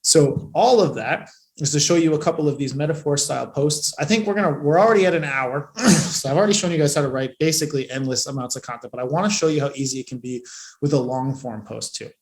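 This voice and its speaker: A man running a live coaching session, swearing freely and hammering his points home, swinging between loud bursts and hushed asides. His voice sits a little high, and it rings in an echoey room. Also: quick pace. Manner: profane, emphatic, shifts between loud and hushed. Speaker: business coach.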